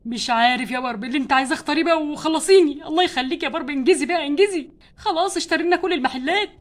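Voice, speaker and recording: A woman's voice: high-pitched, rapid-fire, lightly acted. A woman voicing a stingy, complaining husband doll in a doll play story, with an Egyptian Arabic accent. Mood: grumbling. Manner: complaining, exasperated about money. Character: stingy grumbling husband doll, adult man.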